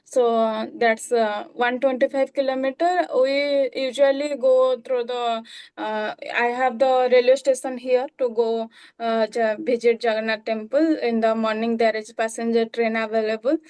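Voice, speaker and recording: A woman from Odisha with an Indian accent, speaking slowly in English practice with many fillers and restarts. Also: fairly high pitch, fairly even intonation, darkish tone, clear, resonant tone. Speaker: English learner. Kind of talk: conversation practice call.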